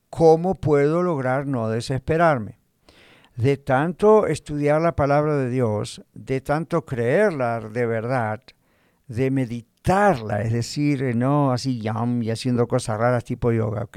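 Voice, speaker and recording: A man's voice: mid-range voice, darkish tone, no room sound. Earnest man preaching in a dry room. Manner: earnest, repetitive, addresses listener directly; uses homely everyday examples. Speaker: pastor. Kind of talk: teaching sermon.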